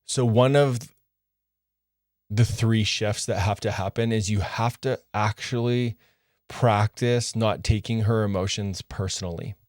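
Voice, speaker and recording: A man's voice: fairly low pitch, a little slow, darkish tone, no room sound, studio quality. A man coaching other men on relationships, talking earnestly in short, clipped phrases. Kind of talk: direct coaching monologue.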